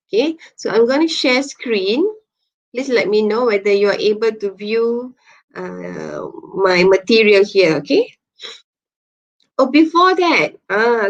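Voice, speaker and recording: A woman with a Malaysian English accent, teaching an online English class in a patient, chatty way over a video call. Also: a little high. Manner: slow, patient, chatty, reads chat names aloud. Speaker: English lecturer. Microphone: computer mic on a video call. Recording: muffled lo-fi video call audio.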